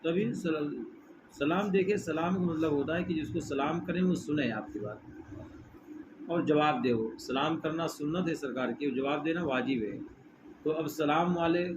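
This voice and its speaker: A middle-aged man, teaching a religious lesson in a hall. He keeps asking his listeners questions and has them repeat phrases back. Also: on the high side. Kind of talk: religious lesson with call-and-response. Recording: muffled with steady background noise.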